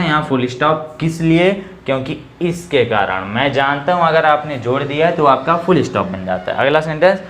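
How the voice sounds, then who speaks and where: A man teaching English grammar in a casual, chatty classroom style, reading English examples slowly and explaining them. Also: fairly high pitch, fairly bright tone, roomy sound, slight background noise. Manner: chatty, addresses viewers as bhai and bhaiya.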